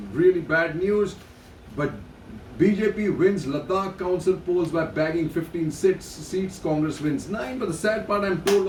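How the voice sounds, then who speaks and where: A man's voice: on the high side, a little mellow, distant mic, a little hiss or hum. Man reading headlines with blunt asides. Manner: reads headlines then adds blunt asides; hesitant restarts between headlines. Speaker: news commentator. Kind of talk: casual headline commentary. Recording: echoey room, voice off-mic, faint ambience.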